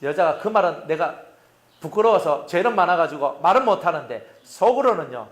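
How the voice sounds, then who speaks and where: Lively high-voiced pastor preaching. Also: male voice, normal speed. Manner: acts out quoted voices, talks with the congregation. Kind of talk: sermon. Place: church.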